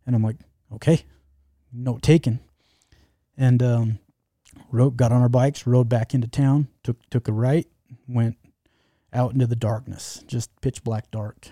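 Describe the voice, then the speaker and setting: A man's voice: medium pitch, flat delivery, measured pace, warm tone, no echo, clean studio sound. A man telling a travel story in casual chat, rambling with lots of fillers and restarts.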